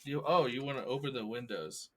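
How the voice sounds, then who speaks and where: A man's voice: mid-range voice, a little fast, background noise. A man running a tabletop game as game master, describing scenes in a loose, stop-start way with fillers.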